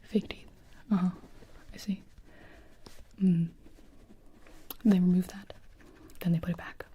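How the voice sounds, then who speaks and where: A woman whispers as a doctor in an ASMR roleplay, slow and hesitant, filling gaps with soft murmurs. Her tone is mellow and dark, with a faint hiss of noise behind her. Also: fairly low pitch, flat delivery.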